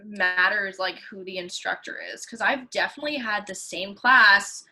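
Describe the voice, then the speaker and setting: A woman's voice: mid-range voice, moderate pace, bright, forceful tone, rough recording. A young woman who teaches ballet, chatting casually and easily, with lots of filler words. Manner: chatty, filler-heavy, laughs often. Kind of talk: casual chat.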